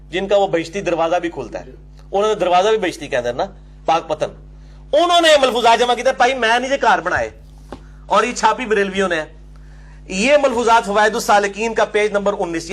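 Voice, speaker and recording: A man delivers a forceful religious lecture in a notably high voice. He argues point by point, pausing to direct helpers to hold up book pages. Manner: emphatic, argumentative, addresses helpers to show pages.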